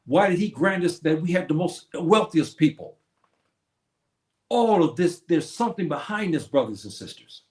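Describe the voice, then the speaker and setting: Over his stream mic in an echoey room, a man with a fairly high, slightly mellow voice and lively intonation lectures on history at a moderate pace. He is preachy and poses questions he answers himself.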